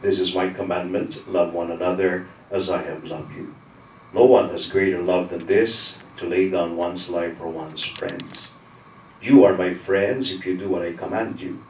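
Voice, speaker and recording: Filipino guy preaching at mass, really deep voice, phrases trail off, big cathedral echo. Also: steady tone, moderate pace, a little mellow. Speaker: priest, homilist. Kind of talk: liturgical reading and sermon. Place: large echoing church interior. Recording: cathedral-like echo, distant mic, faint noise.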